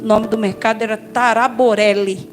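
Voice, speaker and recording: A Brazilian woman pastor giving a personal testimony, telling her story in a lively way and addressing the listeners as brothers and sisters. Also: on the high side, normal speed, faint music behind. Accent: Brazilian Portuguese.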